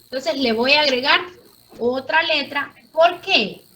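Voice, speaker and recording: A woman's voice: high voice, unhurried, pushed and bright, rough recording. A woman teaching English grammar to a class, explaining patiently step by step.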